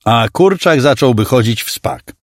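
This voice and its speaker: For an audiobook, a man voices a cruel male alien clone villain who mocks and threatens with condescending menace. His delivery is animated, at normal speed and medium pitch, pitched above his own natural voice. The studio-quality recording has no echo.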